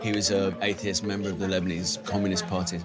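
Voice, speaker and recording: Easygoing man, lower voice, casual bar talk; music loud behind. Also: flat delivery, quick pace. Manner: easygoing, laughs along.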